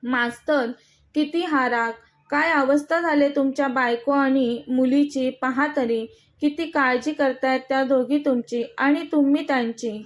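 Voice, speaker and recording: A woman's voice: sits high, steady tone, a little slow. A woman voicing an arrogant, menacing young male villain who taunts and threatens in a storybook reading. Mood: taunting. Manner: mocking, threatening.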